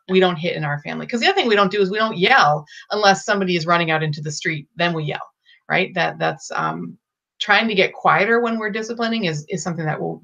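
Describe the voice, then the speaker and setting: Bright-voiced woman parenting coach, lo-fi. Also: lowish voice. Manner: earnest, explaining step by step. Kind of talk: advice talk to camera. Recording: dull lo-fi recording.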